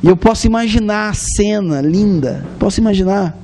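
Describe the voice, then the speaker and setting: A man with a Brazilian Portuguese accent preaching a sermon, telling the story in a lively way and acting out the scenes. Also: high-pitched, moderate pace, soft background music.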